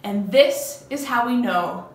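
A woman's voice: a little high, slow. A woman leading an online children's church lesson, coaxing the kids through call-and-response in an upbeat way. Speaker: children's ministry leader. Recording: echoey room from a distance.

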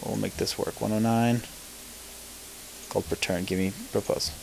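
A man's voice: on the low side, steady tone, unhurried, creaky, a little mellow, a little hiss or hum, rough recording. A man giving casual gameplay commentary, thinking aloud, mumbling and swearing now and then. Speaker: let's play gamer.

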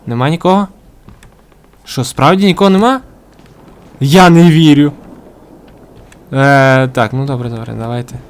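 A man's voice: medium pitch, normal speed, pauses often, smooth. A man commentating a horror game as he plays, jumpy and swearing constantly, yelping when startled. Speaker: gamer playing a horror game. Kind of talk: let's play commentary.

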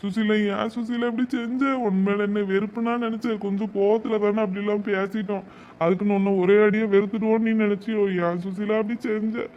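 A man's voice: high voice, flat delivery, brisk, a little mellow, lo-fi sound, slight background noise, close to an everyday voice. A man doing an anguished cartoon father. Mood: distressed. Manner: distressed, reproachful. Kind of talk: cartoon voice acting.

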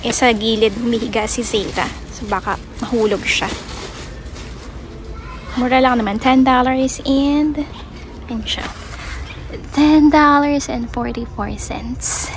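Here the same thirties vlogger from the Philippines speaks slowly, with long pauses and a fairly even, fairly high voice over slight background noise. Holding her phone at arm's length, she narrates chattily in Tagalog mixed with English, saying "so" and "um" often. She starts in a snowy yard, moves to a car's back seat, and ends up in a big store.

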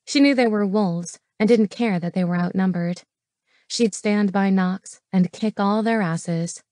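A woman reading an audiobook as its narrator, steady and matter-of-fact. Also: medium pitch, a little slow, no echo. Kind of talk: scripted narration. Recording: dry studio voice.

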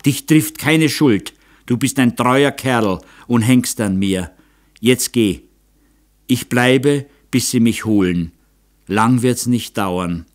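A man voicing a distraught noble count, speaking in urgent, sharp commands. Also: mid-range voice, takes it slowly, lightly acted. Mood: anguished.

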